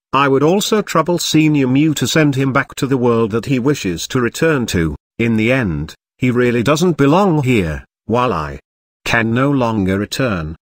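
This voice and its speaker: A man reading the lines of a quiet, resolute young woman cultivator in a soft, gentle, even voice. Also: mid-range voice, no echo, clean studio sound, lightly acted.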